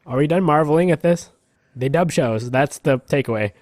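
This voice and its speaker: A man co-hosting a casual anime podcast, goofy and quick to laugh. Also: on the high side, a little mellow, no echo. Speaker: podcast co-host. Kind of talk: casual group chat.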